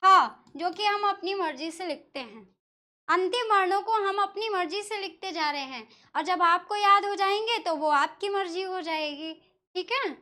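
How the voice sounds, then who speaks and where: A woman's voice: extremely high pitch, moderate pace, bright, forceful tone. A woman teacher from northern India explaining a lesson step by step, asking questions and answering them herself. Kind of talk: classroom lesson explaining Sanskrit pronunciation.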